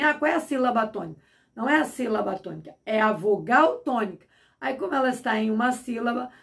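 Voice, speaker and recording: A middle-aged woman teacher with a fairly high voice explains grammar patiently. She asks herself questions and answers them, repeating examples slowly. Her voice sounds a little distant from the microphone. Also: creaky, fairly bright tone. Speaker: Portuguese teacher.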